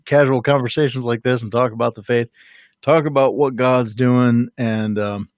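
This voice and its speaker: A man in his forties co-hosting a casual ministry livestream from home, speaking in an easygoing, agreeable way with halting fillers. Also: medium pitch, fairly even intonation, no echo, studio quality. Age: 40s. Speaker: ministry co-host who prays for viewers.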